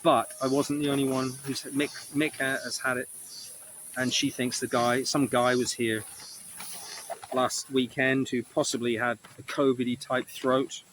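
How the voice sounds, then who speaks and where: A man's voice: medium pitch, little pitch movement, unhurried, fairly bright tone, a little hiss or hum, low-quality recording. Rambling man with a sore throat. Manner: meandering, self-correcting, frequent swearing. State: mildly sore throat, slight cough. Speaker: vlogger. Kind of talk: casual rambling video diary.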